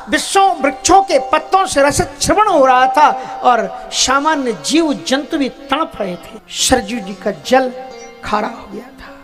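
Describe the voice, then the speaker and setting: Man telling a devotional story, slow and emotive. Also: very high-pitched. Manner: emotive, pleading, swells in volume at moving moments. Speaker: katha preacher.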